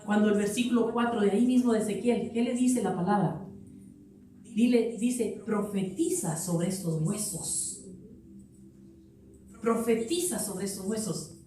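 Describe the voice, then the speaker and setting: In a church sanctuary, a woman pastor delivers an impassioned sermon to her congregation, firing off repeated rhetorical questions as she grows higher and louder. Her intonation stays fairly even at a moderate pace, with soft music behind her. The hall is very echoey and she sounds far away.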